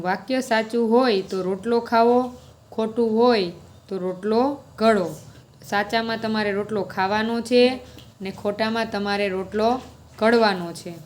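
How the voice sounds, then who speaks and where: A woman's voice: medium pitch, a little hiss or hum. A woman, reading a children's story aloud and patiently working through the lesson questions step by step. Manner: patient, explains each answer step by step. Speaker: teacher.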